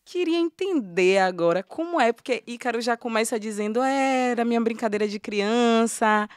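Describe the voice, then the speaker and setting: A woman's voice: a little high, expressive, moderate pace, no echo, clean studio sound. Woman hosting a podcast. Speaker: podcast host. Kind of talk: casual podcast conversation.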